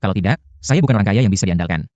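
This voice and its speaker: An actor dubbing a cold, protective rich executive in a short drama, speaking curtly and commandingly. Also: male voice, fairly low pitch, expressive, rapid-fire, mellow, dry recording, lo-fi sound, natural voice. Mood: firm. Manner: curt, commanding. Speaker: lead actor.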